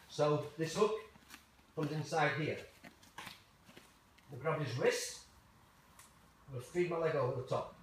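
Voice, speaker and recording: A man's voice: a little high, a bit bright. Echoey, distant male jiu jitsu coach. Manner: casual step-by-step instruction in short phrases. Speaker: martial arts coach. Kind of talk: hands-on jiu jitsu demonstration. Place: large echoey indoor training room. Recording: very echoey, noisy room, far from mic.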